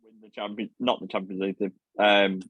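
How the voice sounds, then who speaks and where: Low-voiced, easygoing man on a dull, dry line. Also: little pitch movement, fairly quick, a bit bright, husky, no room sound. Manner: easygoing, stammering restarts, self-mocking. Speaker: band member guest. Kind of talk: casual podcast interview.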